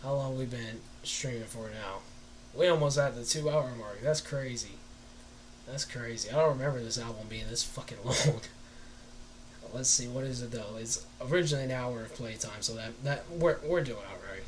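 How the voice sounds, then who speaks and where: A man's voice: medium pitch, normal speed, a crowd in the background, poor audio. A man talking casually on a live stream as he reviews an album, rambling loosely and swearing now and then.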